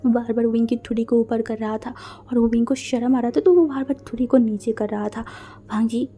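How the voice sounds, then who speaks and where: A woman's voice: a little high, fairly even intonation, brisk. Whispery Indian woman telling a romance. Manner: casual, mixes English words into Hindi; drops into whispers for intimate scenes. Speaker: fan fiction narrator. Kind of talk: storytelling narration with acted dialogue. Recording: soft background music.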